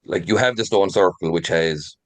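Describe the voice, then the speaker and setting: Deep-voiced lilting Irish storyteller, a man. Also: normal speed, no room sound. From rural Ireland. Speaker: visitor centre manager and local folklore storyteller. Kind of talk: informal storytelling in an interview.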